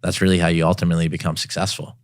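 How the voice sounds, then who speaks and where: A man hosting a podcast interview, talking fast and upbeat with casual slang. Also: low-pitched, level tone, clean tone, dry recording, clean studio sound. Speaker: podcast host. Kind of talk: interview chat.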